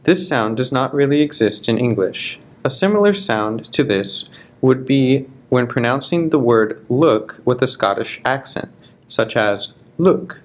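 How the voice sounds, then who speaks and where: A man giving a scripted pronunciation lesson, explaining sounds slowly and carefully. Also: mid-range voice, lively intonation. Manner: slow, deliberate, careful articulation. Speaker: language instructor.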